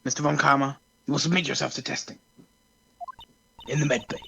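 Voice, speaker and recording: A player doing a gravelly old judge. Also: medium pitch, fairly even intonation, fairly quick, a bit bright, muffled recording, a little hiss or hum. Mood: stern. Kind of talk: reading game dialogue aloud.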